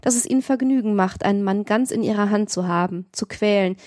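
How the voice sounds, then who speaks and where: A woman's voice: medium pitch, brisk, a little mellow, dry recording, clean studio sound, natural voice. Woman reading as a pleading, feverish lover. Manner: urgent, pleading speech. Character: feverish young man, devoted and pleading. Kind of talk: audiobook reading.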